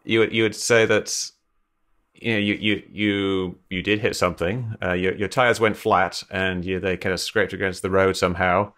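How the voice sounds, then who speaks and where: Low-voiced man hosting an interview. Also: fairly even intonation, moderate pace, fairly bright tone. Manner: hesitant, repeating words while questioning. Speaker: podcast host. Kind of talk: casual interview.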